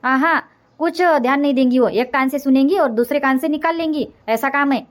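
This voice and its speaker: Cartoon casting: a woman as a grumbling older mother-in-law, a little high-pitched, scolding and rambling. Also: a little fast, lightly acted. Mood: complaining. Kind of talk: comic cartoon voice acting.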